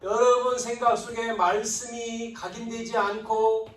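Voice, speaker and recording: A male pastor preaching a sermon, swinging between loud emphatic lines and hushed asides, acting out biblical figures in quoted speech. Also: extremely high pitch, level tone, unhurried, slight background noise. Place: church sanctuary. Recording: roomy, distant church recording.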